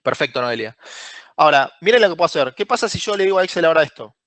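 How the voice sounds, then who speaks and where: A man with a Rioplatense Spanish accent teaches a live online class, walking through each step and putting questions to his students. His voice sits a little high for a man. The sound is dry and close, with no room around it. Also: animated, rapid-fire, a bit bright, dry recording. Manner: asks the class questions and praises answers by name. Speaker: Excel course instructor.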